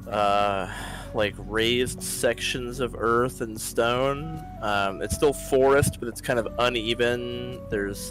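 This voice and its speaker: A man's voice: mid-range voice, fairly bright tone. A man narrating a tabletop fantasy game as game master, in an informal spoken style.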